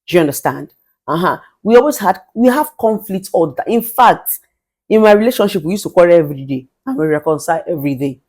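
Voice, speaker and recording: Here a husky, fairly low female voice talks fast and expressively. She's a middle-aged Nigerian woman and relationship therapist, forcefully handing out emphatic, motivational advice in a commanding tone, sprinkled with Pidgin.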